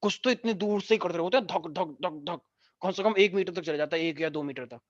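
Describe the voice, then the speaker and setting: A male physics teacher, teaching a class online, who mixes jokey stories into the lesson and dictates notes slowly. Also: high voice, dry recording. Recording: dry, dull lo-fi sound.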